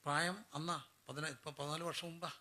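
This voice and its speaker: A man's voice: fairly high pitch, flat delivery, a little fast, pushed and bright. A man preaching a sermon. He keeps putting questions to the congregation and answering them himself.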